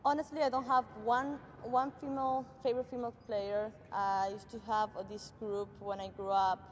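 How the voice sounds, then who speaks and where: Her voice sits on the high side and her delivery is flat, at a moderate pace. She's a young Argentine woman with an Argentine Spanish accent, responding to interview questions as a tennis coach in plain language with a few grammar slips. There's long reverb and a little noise on the track.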